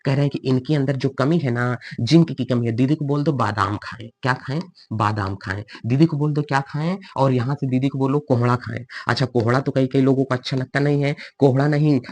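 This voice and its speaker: A man's voice: mid-range voice, darkish tone, dry recording. A male teacher giving a classroom lecture. He keeps asking questions and answering them himself, and he addresses his students directly in a teasing way.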